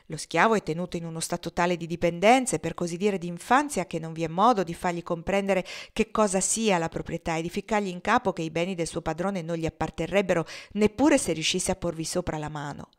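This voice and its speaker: Woman reading as mocking cynical gentleman. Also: on the low side, fast talker, few pauses, close to an everyday voice. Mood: amused, cynical. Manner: mocking, laughs while talking. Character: sardonic wealthy Southern gentleman, cynical, amused.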